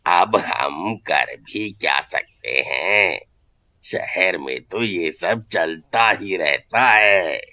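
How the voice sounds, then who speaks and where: A deep, slow-talking villager. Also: male voice, expressive, sharp tone, no room sound, exaggerated voice. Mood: resigned. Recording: dry, muffled lo-fi audio.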